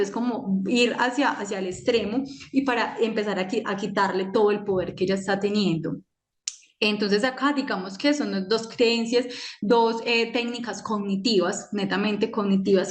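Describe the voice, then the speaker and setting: A young adult woman, a psychologist giving a conversational talk on managing anxiety and asking many rhetorical questions. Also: mid-range voice. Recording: echoey room.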